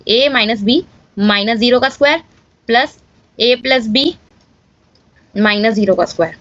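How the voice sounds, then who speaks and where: A woman walks viewers through maths step by step in a relaxed way, calling them "guys" and often checking in with "clear?". Her voice is slightly high and a bit bright, at a moderate pace, on a dry, lo-fi recording.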